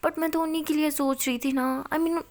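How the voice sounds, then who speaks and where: A woman's voice: sits high, steady tone, normal speed, a little mellow, close to an everyday voice. A woman voicing a chatty young college girl who doubts herself and frets, repeating her words. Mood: anxious.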